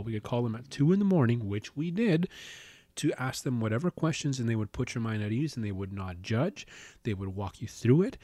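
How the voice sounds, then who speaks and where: A man's voice: medium pitch, dark tone, dry recording. A man telling stories in a casual, rambling way, with lots of restarts and casual swearing. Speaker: podcast host. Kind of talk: casual storytelling.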